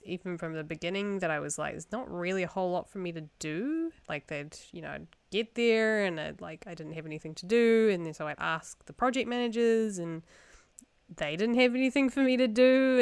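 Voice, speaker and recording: A young woman from New Zealand talks casually as a podcast co-host. Her voice is clear and smooth, slightly low, and she tells her stories informally with some amusement at herself. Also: moderate pace, dry recording. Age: young adult. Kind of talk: casual conversational storytelling.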